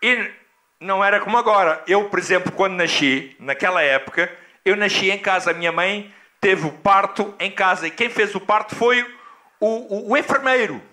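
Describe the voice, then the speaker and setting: A man's voice: normal speed, sharp tone. A man from Angola, a pastor telling a personal story in a sermon, emphatic and dramatic. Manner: emphatic, dramatic, with big swings in pitch.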